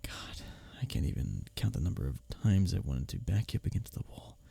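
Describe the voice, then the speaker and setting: A man plays a smitten, teasing rival from the workplace in an intimate romantic roleplay, breathy and husky, halting as he often drops toward a whisper. His voice sits low, mellow and very animated, a full character voice recorded with no echo. He comes across as seductive and longing.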